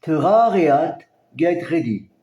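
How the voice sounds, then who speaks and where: A man from France casually presenting his record collection, halting and hesitant, with many fillers. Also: fairly high pitch, expressive, mellow, reverberant. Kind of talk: casual collection show-and-tell.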